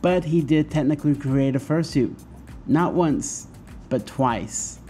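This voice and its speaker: Brief: upbeat young man vlogger, voice very dark and muffled through a costume head, faint music under. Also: a little high, takes it slowly. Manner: upbeat, chatty. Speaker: furry vlogger. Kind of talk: casual storytelling vlog.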